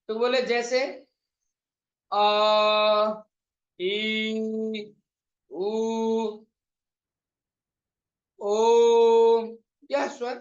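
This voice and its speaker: A man teaching an online exam-prep lesson, drawing out vowel sounds slowly and reciting verses in a chanting lilt. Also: high-pitched, fairly bright tone. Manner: slow, drawn-out vowel demonstrations. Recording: echoey, slightly dull sound.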